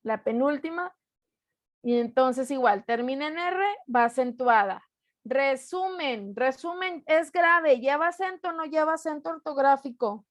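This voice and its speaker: A woman's voice: sits high, moderate pace, no room sound. A young woman from Mexico teaching an online class, patiently explaining rules step by step and repeating them.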